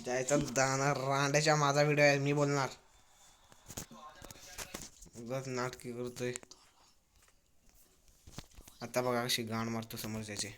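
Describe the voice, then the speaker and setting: Excitable man doing gameplay trash talk. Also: mid-range voice, moderate pace, long pauses, a little hiss or hum. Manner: keeps telling viewers to watch. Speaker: mobile game streamer. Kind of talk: live gameplay commentary.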